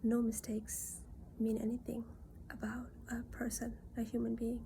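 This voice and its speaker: A woman from Nepal, talking in an earnest, reassuring monologue that often drops into soft near-whispers. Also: on the high side, monotone, moderate pace, gravelly, slight background noise. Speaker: self-reflection vlogger. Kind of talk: casual reflective monologue.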